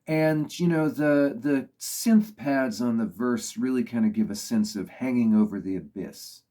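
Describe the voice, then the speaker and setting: A music reviewer with a mellow, medium-pitched voice shares his opinions on songs in casual spoken commentary, thoughtful and relaxed and leaning on "you know" as he talks.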